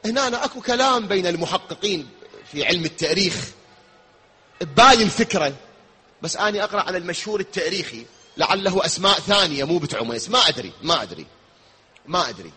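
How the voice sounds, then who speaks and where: A man giving a sermon, telling the story in plain talk and then chanting a drawn-out lament. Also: sits high, lively intonation, pushed and bright, husky. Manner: shifts from conversational storytelling to melodic wailing chant. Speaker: Shia preacher reciting elegy.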